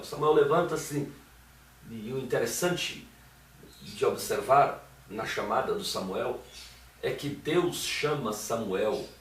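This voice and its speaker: A man preaches a sermon, retelling a story and acting out its voices. He is heard from some distance off the mic. The room around him rings with echo. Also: medium pitch. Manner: storytelling, acts out quoted voices. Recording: echoey room, voice from afar.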